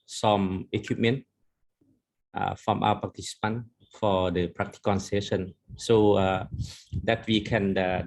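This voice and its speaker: Man, creaky low voice, halting delivery, informal meeting remarks, slight background noise. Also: low-quality recording.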